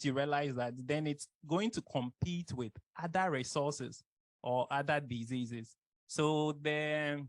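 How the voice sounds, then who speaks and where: Measured man, dry sound. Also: medium pitch, dry recording. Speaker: co-facilitator, expert. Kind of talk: explaining in a training session.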